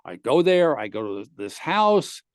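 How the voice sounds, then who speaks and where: With a medium-pitched voice and an unhurried delivery, a podcast host tells a lengthy comic anecdote, animatedly playing the other people in it. It's studio-quality audio from a podcast studio, with no room sound.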